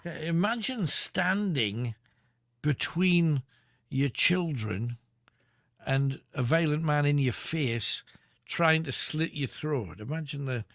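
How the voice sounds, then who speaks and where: Gravelly North East English male radio host. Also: a little high, lively intonation, takes it slowly, fairly bright tone, no echo. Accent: North East England. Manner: informal, matey, short encouraging interjections. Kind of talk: casual phone-in chat. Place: radio studio.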